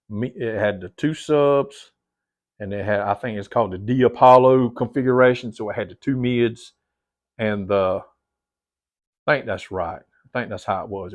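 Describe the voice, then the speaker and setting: Speaking in a lowish voice, this middle-aged man sounds a little congested as he talks casually to camera in his home theater room. He rambles, repeats himself, and addresses his viewers as "guys," all captured in dull lo-fi sound.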